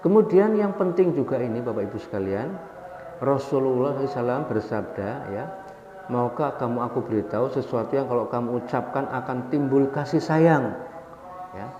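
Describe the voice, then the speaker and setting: Man preaching in an echoing hall. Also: animated. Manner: leads the audience in slow chanted recitation; storytelling with rising pitch on stressed points. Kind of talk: sermon to a congregation. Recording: echoey hall, dull sound, faint background noise.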